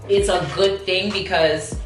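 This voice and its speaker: A woman's voice: lowish voice, fairly even intonation. A woman answering viewer questions in a casual, chatty video, with emphatic, slangy delivery. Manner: emphatic, slangy, quick to laugh. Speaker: vlog host reading viewer questions. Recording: roomy echo, faint background music. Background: faint music.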